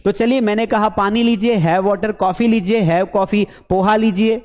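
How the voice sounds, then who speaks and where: A man with a Hindi accent teaching spoken English at a board. He talks in a lively, playful way and keeps asking questions that he then answers himself. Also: high-pitched, a little slow, big-room sound. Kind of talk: classroom lesson with a whiteboard.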